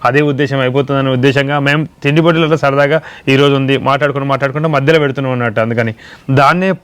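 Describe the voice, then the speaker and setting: A man co-hosting a casual vlog, answering viewer comments in rambling, quick explanations at home. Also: medium pitch, fairly even intonation, a bit bright, clean tone, no echo. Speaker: vlog co-host.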